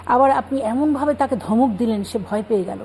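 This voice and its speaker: Mellow-voiced woman explaining religious teaching. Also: a little high, a little fast, a little hiss or hum, rough recording. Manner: calm explanatory, cites scripture. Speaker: religious guest speaker. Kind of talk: Islamic talk show explanation.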